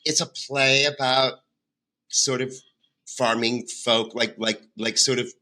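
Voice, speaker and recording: A man's voice: mid-range voice, steady tone, takes it slowly, sharp tone. A man in his fifties hosting a podcast, chatting and reminiscing in a loose, filler-filled way. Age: 50s. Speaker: podcast host. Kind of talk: casual chat.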